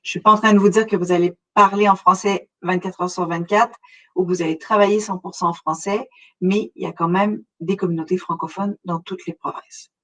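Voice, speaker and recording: A middle-aged Montreal woman with a Québécois accent presents a webinar as a relocation consultant, speaking directly and conversationally to her listeners while hesitating frequently. Her lowish voice is brisk with fairly even intonation, captured on a low-quality recording.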